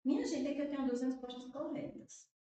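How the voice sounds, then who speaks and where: High-pitched, brisk and mellow, a Brazilian woman teacher reasons through exam questions aloud, repeating words and prompting listeners with "né?" and "tá vendo?". There's a little hiss or hum, and she sounds far from the mic in an echoey room.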